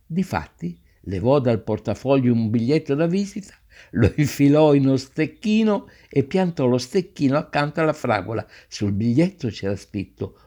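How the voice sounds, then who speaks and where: Expressive male storyteller reading aloud. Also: on the high side. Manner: expressive, varies pace for effect. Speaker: narrator.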